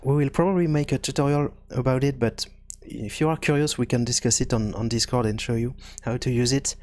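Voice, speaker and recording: A man thinks aloud while presenting an unscripted programming tutorial, sounding hesitant and halting. His voice is medium in pitch and a little mellow.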